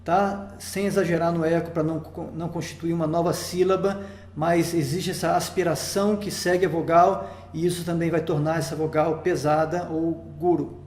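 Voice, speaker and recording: A Brazilian man with a high voice teaches a lesson patiently, one step at a time, pausing to check that his listeners follow. The recording is roomy, with a clear echo around his voice. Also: mellow. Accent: Brazilian Portuguese. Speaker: Sanskrit teacher.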